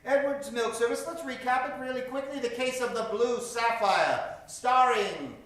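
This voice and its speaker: With an extremely high, slightly bright voice at a moderate pace, a showman hosting improv comedy projects theatrically while asking the live crowd for suggestions. The recording comes from a distant mic in a very echoey theater.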